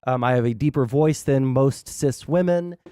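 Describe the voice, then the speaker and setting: With a mid-range, dark, clear and resonant voice, this gaming livestream host rambles through his points bluntly and with plenty of swearing. His explanations are halting and keep pausing for a "right?". The recording is dry and studio quality.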